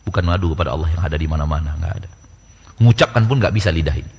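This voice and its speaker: A man's voice: extremely low pitch, very fast, darkish tone, husky. A man preaching a lecture sermon, full of rhetorical questions and mock back-and-forth dialogue. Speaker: Islamic preacher. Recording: long reverb hall.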